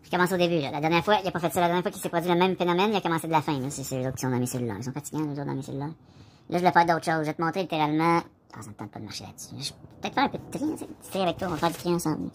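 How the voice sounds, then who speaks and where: This vlogger has a fairly high, steady voice and talks rapid-fire with a Québécois French accent. His casual monologue wanders, addresses the viewer directly, and is full of "là." A little hiss or hum sits under the recording.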